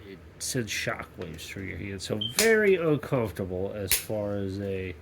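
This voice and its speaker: Over some background noise, a fairly low-pitched man with lively intonation, vocal fry and a measured pace hosts his YouTube maker channel's workshop vlog from home. He has a stuffy nose from a cold and rambles jokily, often interrupting himself mid-sentence.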